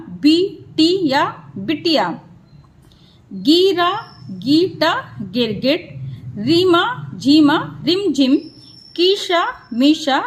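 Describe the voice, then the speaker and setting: A woman teacher sounding out words syllable by syllable for children, then explaining in quick bursts. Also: high-pitched. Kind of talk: children's phonics lesson.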